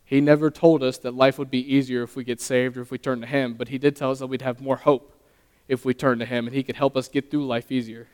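Young male lay preacher, earnest and halting, smooth higher voice, long hall reverb. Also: level tone, a little mellow. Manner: earnest, halting, stumbles and restarts. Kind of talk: sermon.

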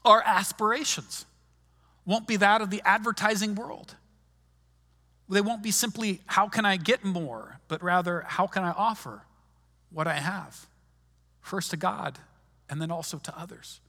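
Here the pastor's voice sits high with a sharp edge, and he delivers his sermon unhurriedly, leaving long pauses. He talks conversationally, frequently starting sentences over, while the large hall adds long reverb.

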